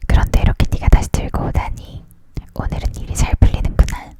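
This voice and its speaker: An ASMR reader narrates a book in a steady whisper. The delivery leans in toward the listener, with story narration and dialogue all kept hushed and unvoiced. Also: a little fast. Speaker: storyteller reading a book aloud. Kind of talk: whispered ASMR reading of a novel.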